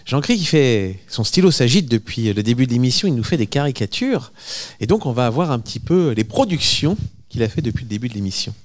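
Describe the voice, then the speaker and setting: A male host briskly introducing the next segment of the broadcast. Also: medium pitch, big pitch swings. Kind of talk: announcing a segment.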